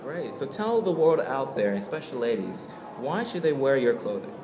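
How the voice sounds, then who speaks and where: At a fashion show held indoors in a hotel, an upbeat young man hosts a casual on-camera interview, keeping his guest going with questions. His mid-range voice swings widely in pitch and moves fairly quickly. A camera mic at arm's length picks him up in an echoey room with background noise.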